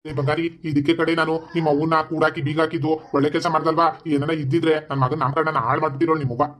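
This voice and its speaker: A man's voice: a little high, flat delivery, racing, a bit bright, lightly acted. Man voicing a harried cartoon son-in-law. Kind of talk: animated comedy cartoon voice.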